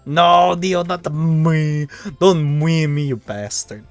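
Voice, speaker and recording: A man's voice: fairly high pitch, takes it slowly, no echo, faint music behind. A man streaming, reading a visual novel aloud and breaking off into joking asides.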